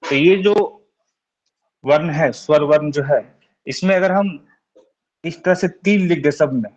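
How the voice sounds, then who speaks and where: A man's voice: on the high side, takes it slowly, muffled recording. A man teaching a Sanskrit grammar class online, explaining patiently step by step and checking in with his students.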